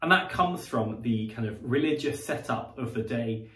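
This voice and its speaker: Male preacher, mid-pitched, conversational and reflective sermon delivery, recorded off-mic in a reverberant church. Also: lively intonation, a bit bright. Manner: conversational, reflective, with frequent pauses and fillers. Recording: roomy echo, distant mic.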